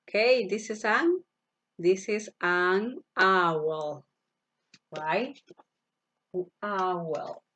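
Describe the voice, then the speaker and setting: A woman teaching English to primary school children, saying each animal word slowly and asking the kids to repeat it. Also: medium pitch, expressive, fairly bright tone. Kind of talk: online class, slow vocabulary drill. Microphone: computer mic, virtual class.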